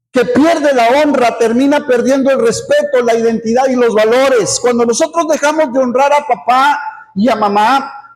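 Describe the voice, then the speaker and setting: A middle-aged man preaches from the pulpit in a strikingly high voice. His delivery is earnest, circling back on words and adding an amen as he makes his point. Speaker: pastor. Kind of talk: sermon.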